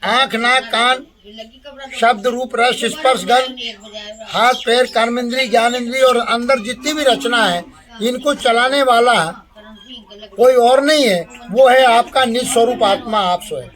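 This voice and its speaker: Slow-spoken male satsang teacher. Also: extremely high pitch, a bit bright. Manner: slow, explains terms by repeating and defining them. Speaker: spiritual teacher. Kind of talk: satsang discourse.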